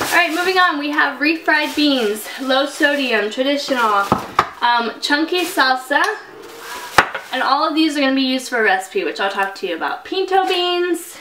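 Chatty young woman in an echoey kitchen. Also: fairly high pitch. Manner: chatty and animated, holding up items. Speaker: vlogger. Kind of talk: casual grocery haul talk. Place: home kitchen, indoors. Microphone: camera mic from a few feet away. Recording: echoey room, distant mic, noisy.

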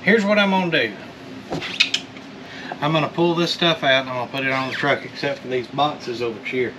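A man's voice: medium pitch, brisk. A man in his thirties chatting casually to a camera as a vlog host, joking and teasing in a folksy way. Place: inside a metal storage unit. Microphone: camera a few feet away. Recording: noisy, distant from the mic.

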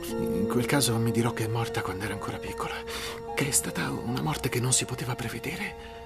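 An actor as a pleading islander over loud music. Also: male voice, mid-range voice, brisk, gravelly, close to an everyday voice. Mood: grim resignation. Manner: pleading, persuasive. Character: resigned islander man reasoning with his friend. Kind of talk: dubbed film drama acting. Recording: loud film score behind. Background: loud dramatic music.

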